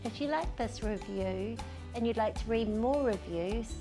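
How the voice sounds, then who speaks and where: A woman's voice: on the high side, measured pace, over music. A woman presenting a book review segment, speaking directly to the audience.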